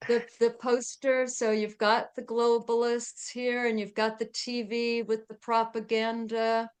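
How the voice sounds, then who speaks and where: A woman's voice: a little high, flat delivery, measured pace, clear, resonant tone. A middle-aged woman chatting as a podcast guest, with lots of fillers and frequent laughs. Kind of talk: casual interview chat.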